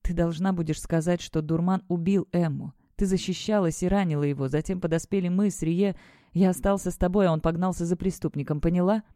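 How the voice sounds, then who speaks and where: Narrator doing a protective guy, tender but urgent, mellow dry audiobook voice. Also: medium pitch, steady tone, fairly quick, dry recording, close to an everyday voice. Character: devoted protective man, shaken lover.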